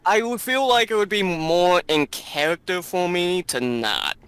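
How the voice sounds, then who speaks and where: A man playing in a tabletop game, casual and animated, swearing freely. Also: high-pitched, a little slow, smooth. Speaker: player.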